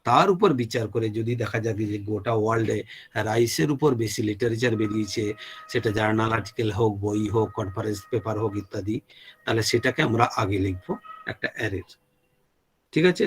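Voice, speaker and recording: Man giving a slow, dictating lecture. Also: fairly low pitch. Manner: dictates terms slowly, mixes English terms into Bengali, checks with "clear?". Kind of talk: classroom lecture.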